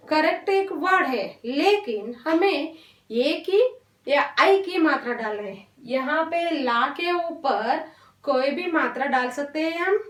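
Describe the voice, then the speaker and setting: A woman teaching a Hindi lesson to young children, talking slowly and patiently, drawing out syllables and mixing in English words. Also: high-pitched, fairly bright tone, far from the mic. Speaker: primary school Hindi teacher. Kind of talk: online classroom lesson. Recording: roomy echo, voice off-mic.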